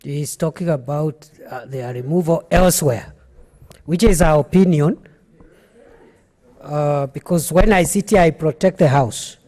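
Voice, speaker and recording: Mellow, higher-voiced Kenyan man presiding. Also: a little slow. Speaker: speaker presiding over the senate. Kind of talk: procedural rulings from the chair.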